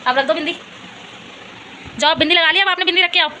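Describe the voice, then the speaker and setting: A woman's voice: very high-pitched, fast talker, background noise. A young woman vlogging at home, talking with her small daughter and the viewers, by turns coaxing and scolding. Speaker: vlogger and mother. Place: home, indoors.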